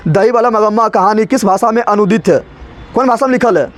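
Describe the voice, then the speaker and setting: A man's voice: high voice, a little fast. A male teacher, explaining a story to his class and repeating his own questions before answering them.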